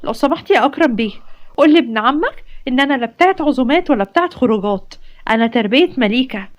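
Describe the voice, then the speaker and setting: Woman doing a young Egyptian woman, proud, sharp-tongued, indignant, lo-fi. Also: high-pitched, expressive, fast talker, voice pushed up. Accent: Egyptian Arabic. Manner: indignant, firm.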